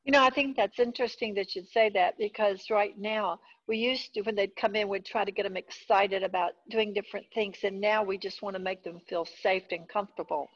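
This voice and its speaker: A woman's voice: medium pitch, steady tone, fairly quick, hardly any pauses, dull audio. A woman salon owner interviewing a guest, asking conversational questions.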